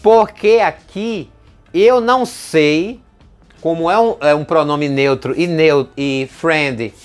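A Brazilian man teaching a language lesson, speaking example phrases slowly and clearly, then explaining them briskly. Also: fairly high pitch. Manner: slow deliberate English models, brisk explanations. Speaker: English teacher.

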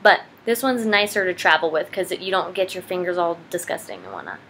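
A woman's voice: on the low side, expressive, a little fast, fairly bright tone. Young woman, casual makeup tutorial, noisy recording. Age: young adult. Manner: informal, rambling, self-deprecating. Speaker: beauty vlogger. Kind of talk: casual makeup tutorial, chatting while applying makeup. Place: indoors, living room at home. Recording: noisy home camera recording.

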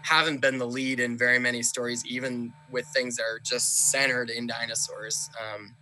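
A man's voice: medium pitch, level tone, normal speed, pushed and bright. A man talking as a podcast guest, chatty and enthusiastic, with lots of fillers. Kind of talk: casual conversation.

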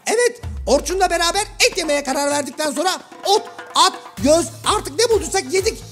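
Brief: a prim, fussy shadow-play gentleman in a very high, thin voice, formal and exasperated. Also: animated, brisk, soft background music. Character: Hacivat, prim exasperated educated gentleman, male. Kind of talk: comic shadow-play sketch.

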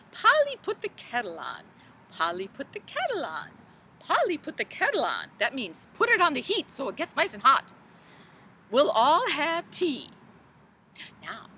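A woman doing a dotty old Mother Goose, her voice pitched high and bright and swinging wildly up and down. She talks slowly, lingering on each word, and keeps breaking into flustered little exclamations. She leads rhymes for small children in a doting, scatterbrained way. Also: slight background noise, exaggerated voice. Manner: flustered, fluttery, exclaims "oh goodness". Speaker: library storytime performer. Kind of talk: children's rhyme time in character.

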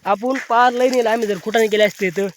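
High-voiced man with a cold. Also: fairly even intonation, fast talker, slight background noise. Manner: chatty, rambling, repeats himself. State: has a cold. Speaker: vlogger. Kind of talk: casual farm vlog chat. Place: outdoors in a farm field.

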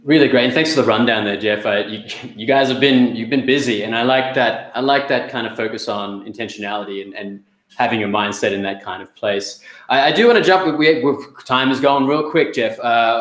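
A man's voice: mid-range voice, fairly bright tone. A young man hosting a business interview over a video call, friendly, reading out audience questions. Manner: friendly, reads audience questions, stumbles on restarts. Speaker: host. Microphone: webcam on a video call. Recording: echoey room on a video call.

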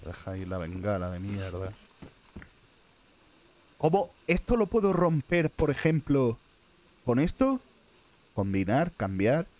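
A man's voice: medium pitch, sing-song, slow pace, pauses often, a little mellow. A man with a Spain Spanish accent giving live gameplay commentary as a streamer, muttering to himself and swearing often.

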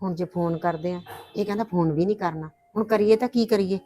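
A woman's voice: high-pitched, quick pace, pushed and bright. An actress playing a middle-aged mother, anxious and pleading, defending her daughter in a family drama. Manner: pleading, calls her son "putt". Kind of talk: scripted family drama acting.

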